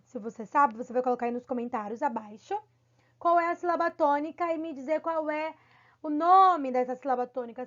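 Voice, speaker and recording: Woman teacher, high voice, warmly encouraging pupils in an online lesson; muffled lo-fi sound. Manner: encouraging, affectionate, repeats "tá bom?". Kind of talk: recorded online lesson for children.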